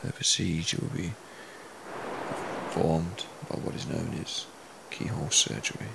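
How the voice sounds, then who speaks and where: A man speaking as a hypnotherapist, leading a guided relaxation in a soothing, deliberate way with hushed phrase endings. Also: low voice, vocal fry, background noise.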